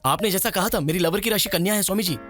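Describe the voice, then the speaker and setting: A man's voice: high-pitched, rapid-fire, over music, natural voice. A man voicing a naive, devoted young lover pleading with a holy man in a dubbed film. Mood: earnest. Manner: eager, earnest. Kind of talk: Hindi film dub.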